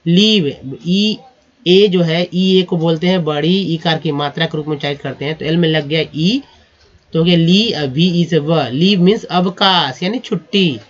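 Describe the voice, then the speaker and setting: A man's voice: fairly high pitch, moderate pace. A man teaching English vocabulary, spelling each word letter by letter and repeating the pronunciation. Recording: dull lo-fi recording.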